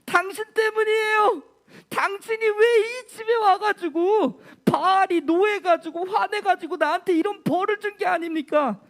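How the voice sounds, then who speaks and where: Woman playing a high, tearful, accusing widow. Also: normal speed. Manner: crying, pleading and blaming. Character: grieving widow mother, distraught and accusing.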